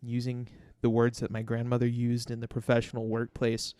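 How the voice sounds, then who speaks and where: A man's voice: medium pitch, monotone, moderate pace, mellow, no room sound. A man co-hosting a casual podcast, explaining himself earnestly and carefully, with many fillers and restarts. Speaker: podcast co-host.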